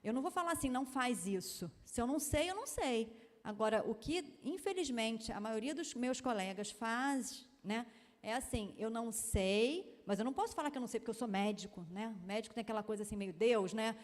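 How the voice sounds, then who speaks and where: A Brazilian pediatrician giving a lecture, in a chatty way with many tag questions and quoted voices. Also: female voice, a little high, fast talker, in a large hall. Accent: Brazilian Portuguese. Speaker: pediatrician giving a seminar talk. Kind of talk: lecture talk. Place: university lecture hall.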